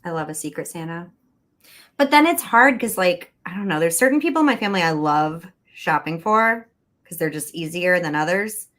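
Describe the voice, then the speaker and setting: A woman in her thirties hosting a casual chat, chatty and expressive, laughing often. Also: fairly low pitch, normal speed. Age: 30s. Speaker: host. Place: home room with neon light.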